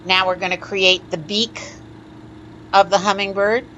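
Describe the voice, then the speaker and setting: A woman teaching a step-by-step glass sculpting lesson, explaining each move in a calm, methodical way. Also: mid-range voice, unhurried, dull audio, slight background noise. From United States. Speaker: glass artist teaching a lampworking demo. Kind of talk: step-by-step tutorial narration.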